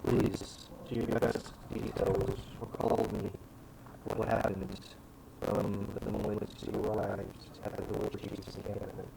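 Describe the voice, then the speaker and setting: A man voicing a cold, expressionless male inquisitor who speaks in a quiet, formal way. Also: fairly low pitch, completely flat delivery, slow pace, creaky, far from the mic, pitched below the performer's own voice, exaggerated voice. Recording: noisy background.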